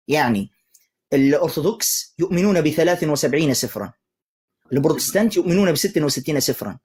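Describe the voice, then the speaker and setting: Husky-voiced man lecturing hard in a debate. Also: fairly high pitch. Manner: forceful, lecturing, interrupts and taunts the caller. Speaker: sheikh hosting a live debate stream. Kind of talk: heated religious debate with callers.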